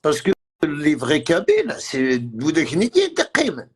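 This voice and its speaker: A man's voice: on the high side, huge pitch swings, unhurried, husky. A man on a live stream, ranting in a heated, repetitive way and mixing in words from other languages. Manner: agitated, repetitive, mixes French with Arabic and Kabyle. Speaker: livestreamer.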